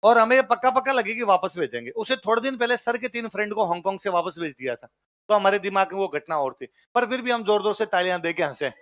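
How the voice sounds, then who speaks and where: A man's voice: high-pitched, expressive, quick pace, fairly bright tone. A man with a Rajasthani accent, a teacher telling a personal story during a lecture and acting out the voices of people in it. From Jodhpur, Rajasthan.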